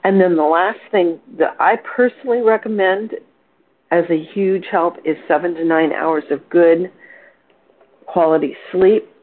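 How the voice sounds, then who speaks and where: Speaking unhurriedly in a lowish voice, an older woman from Portland, Oregon runs a wellness support call by telephone. Her informal coaching on the conference call is cheerful and chatty, sprinkled with fillers and self-corrections.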